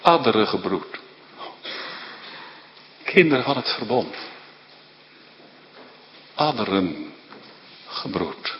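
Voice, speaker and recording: A man preaching a sermon, emphatic and deliberate, asking his listeners rhetorical questions. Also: mid-range voice, pushed and bright. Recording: long hall reverb.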